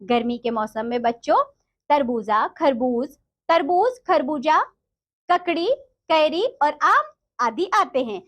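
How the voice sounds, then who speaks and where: A woman teacher going through a textbook lesson for young children, explaining slowly and repeating the answers. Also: sits high, animated, a bit bright.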